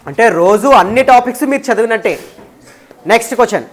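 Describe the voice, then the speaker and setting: A woman's voice: a little high, quick pace. Woman teacher who keeps asking "okay?". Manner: keeps checking "okay?", mixes English terms in. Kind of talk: exam paper explanation class. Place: live class with students.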